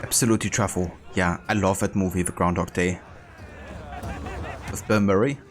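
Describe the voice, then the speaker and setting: Low-voiced man streaming a game. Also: fairly even intonation, moderate pace, a crowd in the background, background noise. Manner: laid-back, chatty. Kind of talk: casual live commentary. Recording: voice over loud game music. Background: game music.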